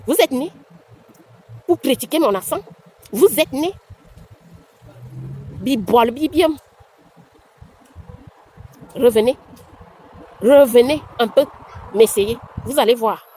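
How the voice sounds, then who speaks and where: Combative woman ranting, high voice. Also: measured pace, long pauses, dark tone, slight background noise, low-quality recording. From Cameroon. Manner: combative, scolding, repetitive. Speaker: vlogger. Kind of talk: angry social media rant.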